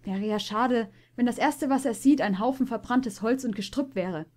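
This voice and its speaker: A sly, sarcastic stallion, as a woman reader puts him on. He mocks and teases in a raised, lively storybook voice. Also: on the high side, moderate pace, lightly acted. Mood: mocking. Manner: mocking, sarcastic. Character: sly wry male stallion, teasing.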